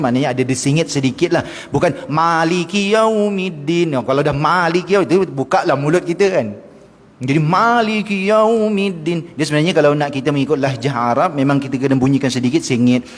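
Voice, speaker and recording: A middle-aged man, a religious teacher giving a mosque lecture on Quranic pronunciation, who slowly chants short verses to demonstrate and then explains them, addressing his listeners directly. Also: medium pitch, darkish tone. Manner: addresses the audience directly and often. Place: mosque hall. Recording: long mosque hall reverb.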